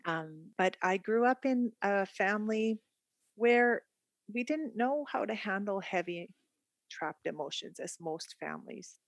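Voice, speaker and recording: With a medium pitch and lively intonation, a middle-aged Canadian woman talks a little slowly as a guest on a podcast. She's an art therapist with a Canadian accent, open, reflective, chatty, and easy to laugh, and there's no echo.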